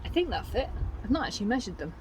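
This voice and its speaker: A woman talks her way through a home DIY job out on a garden deck, chatty and practical with wry little asides about her own slips. Her voice sits at an ordinary middle pitch. Steady outdoor noise and the odd passing vehicle run under the recording. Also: rapid-fire. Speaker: DIY vlogger. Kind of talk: casual vlog narration while working.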